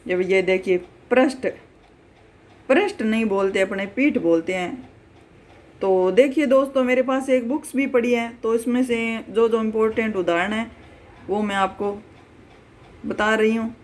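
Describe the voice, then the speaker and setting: A woman teaching an online exam-prep lesson, explaining patiently, repeating words and examples, and calling her viewers friends. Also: a little high. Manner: spells out word pairs slowly.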